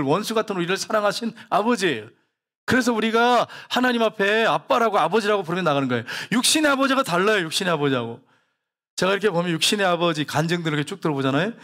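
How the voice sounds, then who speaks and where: A man's voice: on the high side, a bit bright. A man preaching a sermon to his congregation, telling stories and asking the congregation questions. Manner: folksy storytelling, rhetorical questions, acted quotes. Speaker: pastor.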